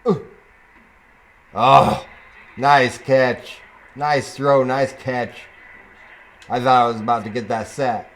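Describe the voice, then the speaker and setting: A man gives easygoing, unhurried commentary while he plays a football video game. His voice sits at an ordinary middle pitch, and he drawls through his remarks, talks back to the computer opponent and now and then lets out a loud whoop. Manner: slow, chatty, talks to the game, sudden excited whoops. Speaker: gaming YouTuber. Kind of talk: casual gameplay commentary.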